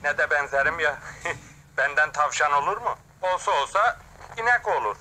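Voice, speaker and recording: A man's voice: fairly high pitch, expressive, moderate pace, sharp tone, a little hiss or hum. An actor playing a cheeky, teasing rustic village man in a comic film, mock-polite in his jokes.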